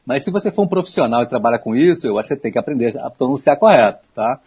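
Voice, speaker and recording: A man's voice: mid-range voice, animated, rapid-fire, darkish tone, husky. A man talking about wine on a radio show, explaining things in an easygoing way with small asides.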